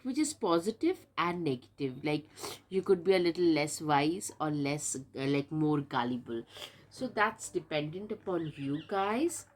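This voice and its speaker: Woman with a stuffy nose reading tarot. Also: medium pitch. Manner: chatty, repeats words, many fillers. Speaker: tarot reader. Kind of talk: casual tarot reading to camera.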